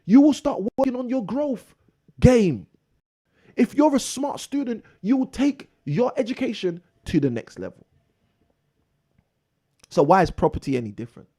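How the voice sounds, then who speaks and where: Man, property show host, motivational monologue, preachy, repetitive, husky, lively pitch. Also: normal speed, pauses often. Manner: preachy, repeats phrases for emphasis.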